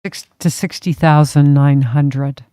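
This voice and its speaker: A woman councillor tabling motions in a measured way during a council meeting. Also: low voice, steady tone, mellow, clear, resonant tone, dry recording, clean studio sound. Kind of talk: council debate.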